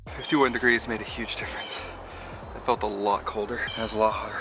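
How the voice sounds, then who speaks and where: A man's voice: lowish voice, level tone, brisk, music in the background. A man talking casually to camera outdoors as a vlogger. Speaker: vlogger doing a cold plunge challenge. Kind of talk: casual vlog talk to camera.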